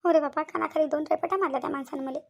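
A woman's voice: sits high, fairly even intonation, rapid-fire, gravelly. A woman voicing an aggrieved middle-aged mother in a cartoon, with a whiny, lamenting manner. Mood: self-pitying. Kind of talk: cartoon voice acting.

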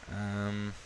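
A young man casually talking through things on his computer screen, rambling with lots of ums and pauses. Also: fairly low pitch, creaky, fairly bright tone, a little hiss or hum, poor audio. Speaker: YouTuber showing his desktop. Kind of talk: casual screen-recording chat.

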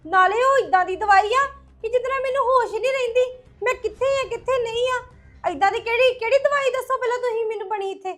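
A woman with a very high, bright voice plays a wife who protests and accuses in a village drama. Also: racing.

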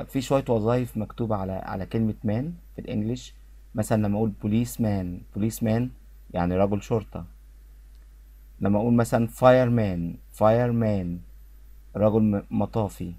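A man with an Egyptian Arabic accent runs an English pronunciation lesson. He says each word slowly and repeats it so students can follow. His voice is low and mellow, recorded dry and close. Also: no room sound. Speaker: English teacher.

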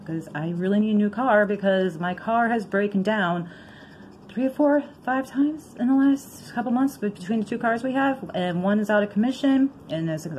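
A woman with a medium-pitched voice talks casually to her viewers, excitable and prone to giggling. She rambles and thinks aloud, reading numbers off as she goes. A faint noise sits behind her voice. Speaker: vlogger scratching lottery tickets. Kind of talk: casual chatty commentary.

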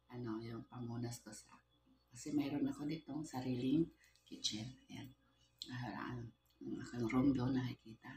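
A middle-aged woman talks to her phone camera in a home kitchen, unhurried and low-pitched. She chats casually, laughs a lot, and drops English phrases into her talk. The room sounds echoey, with a faint hiss of household noise behind her. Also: a little mellow. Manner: chatty, laughs often, mixes English into Tagalog. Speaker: vlogger, household helper. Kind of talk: casual vlog chat. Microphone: phone on a stand.

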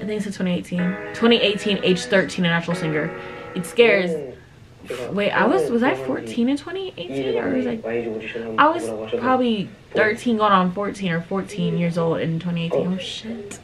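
This eighteen-year-old woman casually reacts to videos from indoors at home, laughing often and speaking to her viewers as "y'all," with the video's music in the background. She has a mid-range voice at a normal speed, captured on poor-quality audio.

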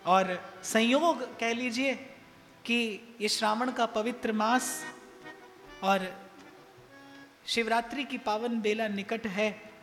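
Slow, emphatic male preacher in a reverberant hall. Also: extremely high pitch, steady tone, fairly bright tone. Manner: slow, emphatic, repeats phrases for effect. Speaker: spiritual discourse speaker. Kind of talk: devotional sermon. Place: temple hall. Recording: long hall reverb, faint music behind.

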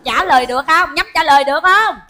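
Comedy sketch: a bossy woman star, high and fast, all teasing jabs. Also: pushed and bright, a little hiss or hum. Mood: scolding banter. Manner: rapid, teasing, exclamatory, bickering. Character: sharp-tongued bossy woman performer, quick to mock. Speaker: comedic lead.

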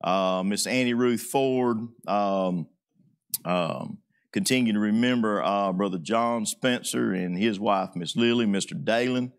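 Southern pastor guy at the pulpit, lowish voice, lots of uhs, soft and halting. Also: smooth. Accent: Southern American. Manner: gentle, halting with many fillers. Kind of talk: leading church prayer requests. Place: church sanctuary. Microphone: pulpit mic.

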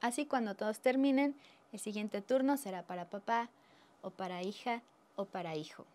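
A woman telling a children's story and sharing a family game, slow and expressive. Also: mid-range voice. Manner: slow, expressive, drawn-out reading.

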